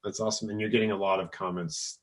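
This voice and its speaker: A man's voice: low voice, fairly even intonation, fast. A male interviewer in a casual conversation, talking in a laid-back, hesitant way over a video call.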